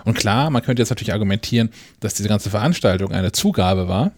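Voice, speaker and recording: A man's voice: lowish voice, lively intonation, fast talker, darkish tone, no room sound, studio quality. A man co-hosting a casual tech podcast, easygoing and often restarting his sentences. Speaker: podcast co-host.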